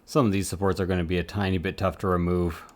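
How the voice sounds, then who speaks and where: A man's voice: deep voice, level tone, fast. A man chatting casually on a live stream while he works, rambling with self-mocking asides. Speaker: streamer supporting 3D print models.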